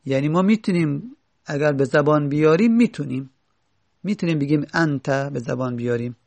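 A man's voice: on the high side, vocal fry, darkish tone. A man teaching Arabic grammar, reading lines from an Arabic text and then explaining them step by step.

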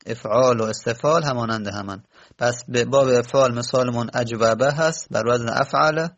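A male teacher with a gravelly, creaky voice at a middle pitch. He works through each step methodically and drags out example words. He pauses on fillers and stops to correct himself. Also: fairly bright tone. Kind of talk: classroom lesson on verb patterns.

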